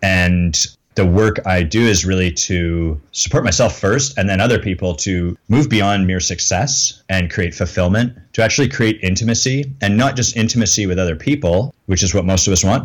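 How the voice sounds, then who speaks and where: A middle-aged man, a coach, talking candidly and self-deprecatingly in an interview, often laughing at himself. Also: low-pitched. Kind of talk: reflective interview talk.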